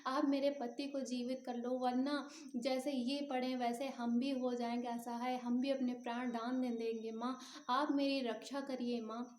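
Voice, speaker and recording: A grieving young wife, played by a woman narrator, pleading tearfully in a high voice. The room around her is echoey and roomy. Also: flat delivery, unhurried, a little mellow, natural voice. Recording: roomy echo.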